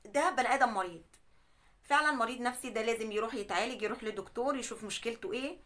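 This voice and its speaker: A woman with an Egyptian accent narrating a dramatic first-person life story with emotional, animated delivery, then giving advice. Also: fairly high pitch, racing. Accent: Egyptian Arabic.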